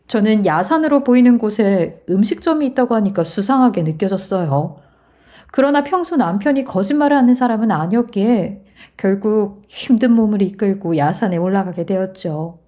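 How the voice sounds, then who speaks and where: A woman reading a scripted first-person story in a calm, confiding way. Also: on the high side.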